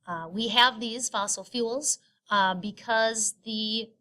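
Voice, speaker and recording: A woman teacher narrating a screen-recorded lecture, explaining step by step in a halting way with frequent filled pauses. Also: a little high, steady tone, pushed and bright. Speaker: science teacher. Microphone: screen recording voice-over.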